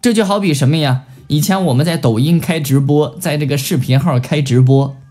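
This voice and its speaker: A man's voice: a little high, brisk, faint music behind. A man giving a Buddhist scripture lecture, telling stories and acting out the people he quotes. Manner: animated storytelling with acted-out quotes. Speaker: Buddhist teacher.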